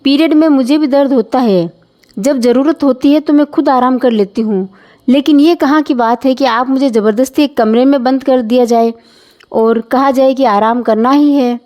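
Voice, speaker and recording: Calm young wife, voiced by a woman, patient, reasoning, high voice, family story. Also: moderate pace, close to an everyday voice.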